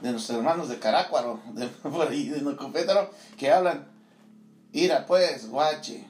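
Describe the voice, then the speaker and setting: Chatting casually on a morning show, this man from Tierra Caliente in Michoacán, Mexico, wanders from point to point, laughing often and leaning on fillers. The room echoes, and his mid-range, darkish voice comes across animated and fairly quick.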